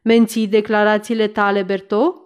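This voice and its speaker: A woman's voice: mid-range voice, level tone, clear, resonant tone, natural voice. A woman voicing a stern middle-aged male mayor in an audiobook, speaking firmly and asking pointed questions. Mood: probing. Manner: firm, questioning. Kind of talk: audiobook reading.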